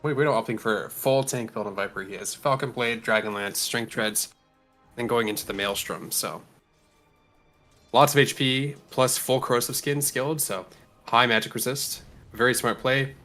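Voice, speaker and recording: Bright, forceful man analysing a game. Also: mid-range voice, normal speed, faint music behind. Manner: explanatory, breaks down items and strategy. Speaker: esports commentator. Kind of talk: analytical live game commentary.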